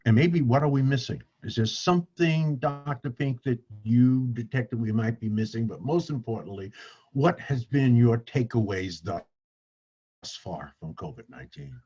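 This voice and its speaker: A man's voice: mid-range voice, normal speed, warm tone, husky, muffled recording. A man hosting a podcast, introducing his guest effusively and repeating words for emphasis. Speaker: podcast host.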